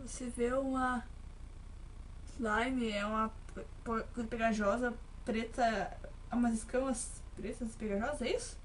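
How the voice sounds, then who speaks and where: A woman's voice: fairly high pitch, slight background noise. A woman giving nervous let's-play commentary on a horror game, shrieking when startled. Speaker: gaming video host. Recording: game music behind the voice.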